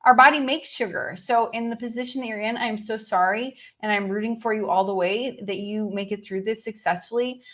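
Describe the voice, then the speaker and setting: A woman's voice: medium pitch, a little fast, hardly any pauses, a bit bright. A woman hosting a casual group video chat, blunt and profane, reading out viewer questions. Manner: blunt and profane, then sympathetic; reads viewer questions aloud. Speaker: host.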